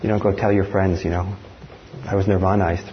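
Reflective, low-voiced meditation teacher from Norway. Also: male voice, level tone. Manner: reflective, measured delivery. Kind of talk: dharma talk. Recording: dull lo-fi talk recording with faint hiss.

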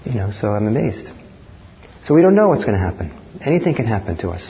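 A man from Norway gives a dharma talk in a reflective, measured way, his voice sitting fairly low. The recording is dull and lo-fi, with a faint hiss underneath. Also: big pitch swings. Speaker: meditation teacher.

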